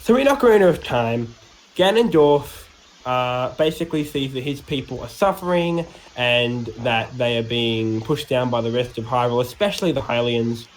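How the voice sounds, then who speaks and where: A man's voice: mid-range voice, expressive, normal speed, rough recording. Rambling Australian man with faint hiss. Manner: rambling, joking, full of fillers and restarts. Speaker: podcast co-host. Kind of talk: casual chat recapping game lore.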